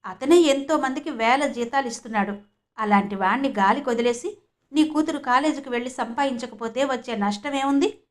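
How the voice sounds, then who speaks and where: A woman voicing a sharp-tongued older woman who lectures reproachfully, in an audiobook reading. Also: high-pitched, fairly quick, close to an everyday voice. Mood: scolding.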